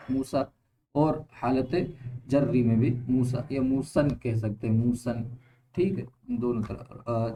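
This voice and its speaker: A male teacher giving a grammar lesson in an unhurried, patient way. He reads passages of text aloud and then explains them piece by piece. He keeps stopping to ask whether his students have understood. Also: mid-range voice, mellow, a little hiss or hum, rough recording. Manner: explains slowly, repeats points, checks understanding with quick questions. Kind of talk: classroom-style grammar lesson.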